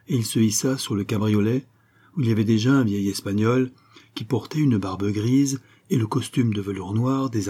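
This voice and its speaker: A man's voice: on the low side, warm tone, slightly rough. A man reading a classic novel aloud as an audiobook narrator, lifting his voice for the dialogue.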